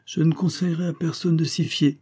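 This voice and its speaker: A man's voice: a little high, little pitch movement, fairly quick, a little mellow, breathy edge, voice pushed up. Man doing a teasing, wilful young woman. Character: spirited, mischievous young woman. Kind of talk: audiobook reading.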